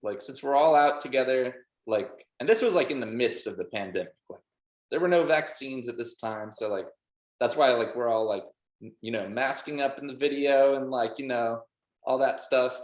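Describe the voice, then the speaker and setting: In a roomy, echoey recording, a man from a band gives a casual interview at normal speed in a mid-range voice. He's emphatic, and "like" and "literally" come up constantly in his speech.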